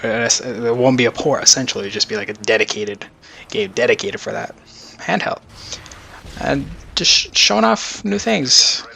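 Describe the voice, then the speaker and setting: A man's voice: mid-range voice, animated, moderate pace, gravelly, bright, forceful tone, a little hiss or hum. A man rambling casually through his video game predictions in a vlog. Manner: rambling, loose and chatty. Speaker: gaming YouTuber.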